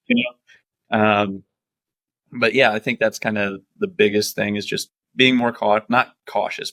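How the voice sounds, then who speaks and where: This strength and conditioning coach has a mid-range, bright voice with a forceful tone, recorded with no room sound. As a podcast guest he keeps things relaxed, laughing often and rambling through filler-heavy talk.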